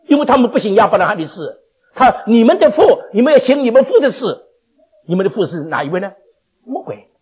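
A man teaching a Bible class, animated, questioning his listeners and chuckling often. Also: sits high, husky. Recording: dull lo-fi recording.

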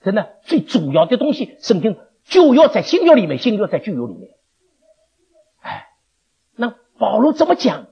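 A man teaching a Bible class, animated, questioning his listeners and chuckling often. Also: high voice, moderate pace, creaky, pauses often, slightly rough. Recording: dull lo-fi recording.

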